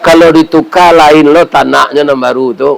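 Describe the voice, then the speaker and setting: Brief: man, middle-aged, Minangkabau accent, preacher, gravelly, story-driven sermon with humor. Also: a little high, fairly even intonation, normal speed, poor audio. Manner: storytelling with humor and rhetorical "ya kan?".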